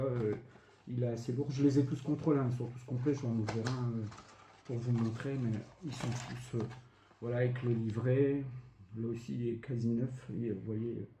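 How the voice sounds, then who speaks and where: A man's voice: medium pitch, mellow. A man casually showing off retro video games he bought, listing the prices with lots of fillers. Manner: chatty, lists items and prices with many fillers. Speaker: retro game collector vlogger. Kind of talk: casual show-and-tell of purchases. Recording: echoey room, faint background noise.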